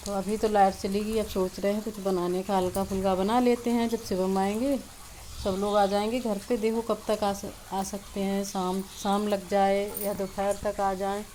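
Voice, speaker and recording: A woman chats through a homely vlog in a rambling way, full of fillers. Her voice sits at a middling pitch. Clear background noise from rain and the house runs under her. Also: level tone, normal speed, warm tone, low-quality recording. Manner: chatty, rambling, many fillers. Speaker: village vlogger. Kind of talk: casual vlog narration. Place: rural home, rain outside.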